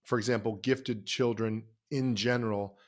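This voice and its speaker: A man's voice: on the low side, fairly even intonation, moderate pace. A middle-aged man from South Florida, an entrepreneur answering interview questions in an upbeat, reflective way. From South Florida, USA. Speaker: podcast guest, entrepreneur.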